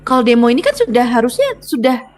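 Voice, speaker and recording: A woman talking through a plan in an online roleplay voice chat. She pauses and restarts often, and there is a faint hiss behind her voice. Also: a little high, sing-song. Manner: thinking aloud, hesitant. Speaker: roleplay player.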